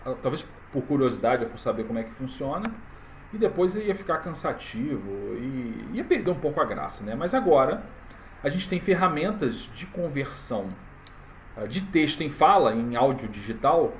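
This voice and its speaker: A man walking viewers through a software tutorial in a casual, chatty way, full of fillers and tag questions. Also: a little high, lively intonation, normal speed, a little hiss or hum. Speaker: tutorial presenter. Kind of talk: casual screen-recorded tutorial.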